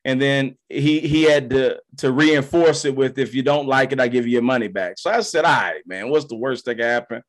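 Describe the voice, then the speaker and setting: A man's voice: mid-range voice, fairly quick, few pauses. A man, a former pro baseball player, telling a story in casual slang and acting out the voices of the people in it. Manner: animated, slangy, acts out voices in his stories.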